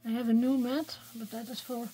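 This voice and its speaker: A woman talking quietly through her card making at a craft desk, thinking aloud and often half-whispering. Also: fairly high pitch, flat delivery, brisk, husky. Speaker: craft video maker.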